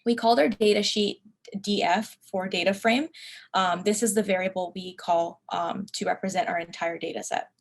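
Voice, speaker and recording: A woman's voice: medium pitch, normal speed. Woman reading a technical presentation. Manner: even, scripted explanatory delivery. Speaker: conference co-presenter. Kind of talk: read academic presentation.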